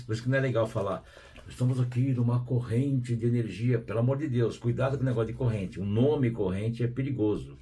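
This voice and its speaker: A man with a Brazilian Portuguese accent hosting a spiritual program, talking in a relaxed, conversational way with frequent tag questions and quiet asides. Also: medium pitch, slightly rough. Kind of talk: casual spiritual talk.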